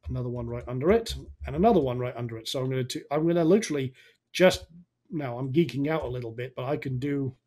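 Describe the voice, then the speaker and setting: A man with a raspy, somewhat tired voice, coaching informally and thinking aloud through a screen-share tutorial. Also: mid-range voice, fast talker, a little mellow. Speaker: online marketing coach.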